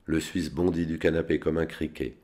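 A man reads a spy novel aloud in a steady, unadorned way. His voice is extremely deep and low throughout. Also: normal speed. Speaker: reader.

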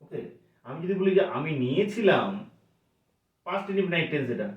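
Speaking a little fast, a man with a fairly high voice and big pitch swings teaches English grammar, patiently posing questions and then answering them himself. The recording sounds dull and distant, as if made in an echoey room.

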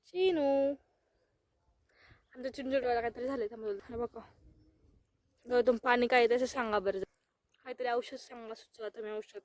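A woman talks in a high, playful sing-song as she coaxes her pet goat on a farm. The sound is dry and close, as from a phone held near her, and a goat bleats now and then in the background. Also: dry recording. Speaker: vlogger. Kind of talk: casual village vlog talking to a pet goat. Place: outdoors on a farm with goats and hens.

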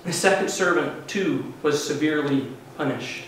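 A man's voice: fairly high pitch, normal speed, fairly bright tone, distant mic, slight background noise. A man in his thirties, a pastor preaching an earnest, emphatic sermon from a pulpit in a church sanctuary. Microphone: far camera mic, no visible microphone. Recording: very echoey church heard from afar.

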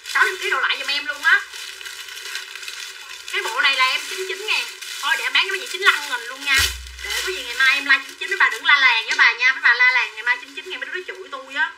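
Woman, livestream seller, high bright voice, distant mic, faint noise. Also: rapid-fire. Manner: chatty, calls out prices and buyer names, coaxes viewers. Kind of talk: live sales pitch.

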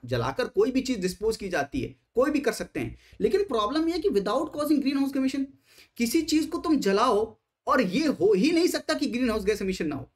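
A high-voiced man teaches exam strategy with emphasis, asking rhetorical questions and slipping English terms into his Hindi.

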